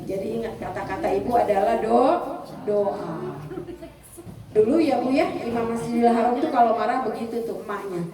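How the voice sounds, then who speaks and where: A woman giving a lively parenting seminar to mothers, acting out what a mother says and asking the audience questions. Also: a little high, normal speed, a crowd in the background. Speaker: parenting speaker. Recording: very echoey hall, speaker far from mic.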